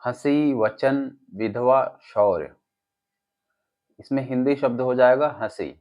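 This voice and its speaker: A man's voice: medium pitch, slow. A male teacher with an Uttar Pradesh Hindi accent, reading quiz questions and their options, then giving the answers and explaining them. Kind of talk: exam-prep lesson, reading quiz options. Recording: dull lo-fi audio.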